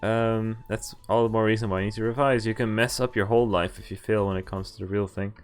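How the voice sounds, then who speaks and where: A game streamer plays casually through a visual novel, reading the text aloud and breaking off for wry jokes while the game's music plays behind him. His lowish voice is smooth and fast, with fairly even intonation.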